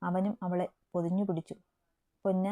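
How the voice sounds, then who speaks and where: A woman narrating a romance story in a steady, matter-of-fact reading. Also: mid-range voice, brisk.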